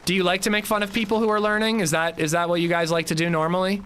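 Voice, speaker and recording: A man's voice: high voice, little pitch movement, quick pace, a bit bright, a little hiss or hum. A male streamer chatting casually with his audience and friends, self-mocking and reading out chat messages. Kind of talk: casual gaming livestream chat.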